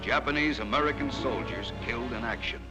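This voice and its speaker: A man narrating an old newsreel, with the solemn, emphatic delivery of 1940s wartime screen journalism. His voice sits at an ordinary middle pitch and carries a declamatory weight. A loud orchestral score plays beneath him throughout. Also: brisk, music in the background, rough recording.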